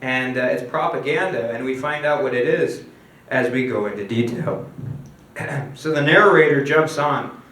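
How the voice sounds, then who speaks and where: A man's voice: medium pitch, a little slow, fairly bright tone. Rambling man walking through his film script. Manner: loose, rambling, lots of fillers and asides. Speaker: screenwriter pitching his script. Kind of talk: casual spoken script walkthrough. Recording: echoey room, mic at a distance.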